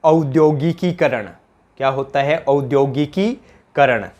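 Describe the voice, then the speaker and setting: A man with a Rajasthani accent teaches an exam-prep grammar lesson in a mid-pitched voice. He drills every answer by asking the question again and again, and he keeps addressing his students as companions. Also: unhurried.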